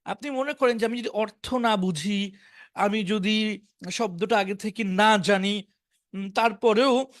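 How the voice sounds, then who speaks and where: A man teaching a live online English class in Bangla, chatting casually and then reading out vocabulary, saying each word twice and slowly. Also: high voice.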